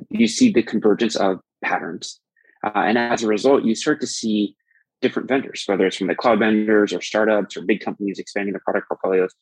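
This man, a guest on a podcast, gives a lengthy, thoughtful explanation in a lowish, husky voice, frequently restarting sentences and filling pauses. The audio is poor, though there's no echo.

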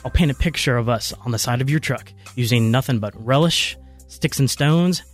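A man's voice: mid-range voice, normal speed, faint music behind. A man in his late twenties, a radio contestant, reading a love letter in a mock sexy voice and giggling. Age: 20s. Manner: giggling through a put-on sexy voice.

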